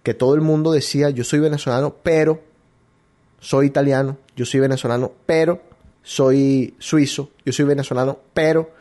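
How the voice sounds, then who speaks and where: A man from Colombia hosting a talk show, musing out loud in a rambling way with many restarts. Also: mid-range voice, steady tone, moderate pace. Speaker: radio show host. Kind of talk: casual opinion monologue.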